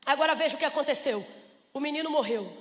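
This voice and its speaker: Pregadora brasileira animada, voz aguda, faz pergunta pra igreja toda hora, eco de salão. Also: female voice, high voice, fast. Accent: Brazilian. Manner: rhetorical questions to the congregation, acts out little scenes. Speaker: preacher. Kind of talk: lively church sermon. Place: church. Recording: reverberant church hall.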